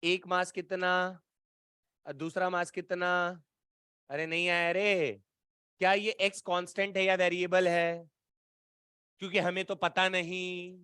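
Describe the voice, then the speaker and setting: A man's voice: sits high, little pitch movement, measured pace, long pauses, sharp tone, clear, resonant tone, no room sound, studio quality. A man teaching a physics class live from Bihar, chatting and teasing his students as he quizzes them through problems. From Bihar, India.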